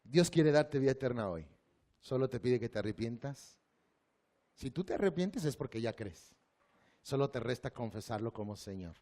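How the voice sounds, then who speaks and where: A man with a Mexican Spanish accent preaching a sermon, asking his listeners questions and leading them in a quiet prayer. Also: medium pitch, animated, moderate pace. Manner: asks the congregation questions, acts out quotes, ends in a quiet guided prayer. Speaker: pastor.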